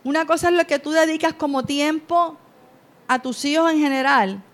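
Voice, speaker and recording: A woman's voice: high voice, normal speed, a little hiss or hum. A middle-aged woman giving a conversational talk on parenting from slides, often checking in with "¿verdad?". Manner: presents from slides. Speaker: parenting educator.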